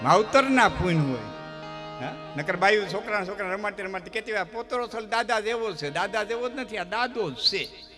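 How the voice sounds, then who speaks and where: A man telling folk stories at a live dayro program, using rhythmic repetition that builds into loud declamations. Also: high-pitched, lively intonation, normal speed, over music. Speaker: folk storyteller.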